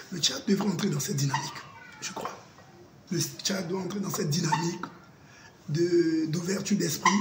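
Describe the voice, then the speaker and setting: A high-pitched man delivers political commentary. His manner is emphatic and oratorical, leaning on repeated phrases. The recording is roomy and echoing, with clear background noise. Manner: emphatic, oratorical, with repetition and proverbs.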